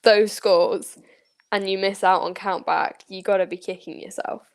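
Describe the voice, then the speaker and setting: A woman's voice: mid-range voice, steady tone, moderate pace, creaky. A woman co-hosting a golf podcast in casual, enthusiastic chat, often saying "like". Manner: enthusiastic, uses "like" a lot. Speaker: podcast co-host.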